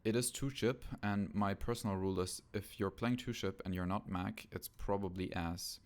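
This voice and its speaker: A man with a low, gravelly voice talks casually about a tabletop game, full of ums and hesitations as he thinks aloud. His deep tone is rough with fry, and the home recording is rough. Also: fairly even intonation, normal speed. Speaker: podcast co-host.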